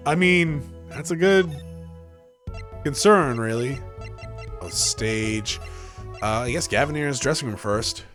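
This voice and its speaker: A man's voice: medium pitch, fairly bright tone. A man hosting a let's play, commenting on a game in an offhand, joking way and laughing often. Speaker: gaming channel host.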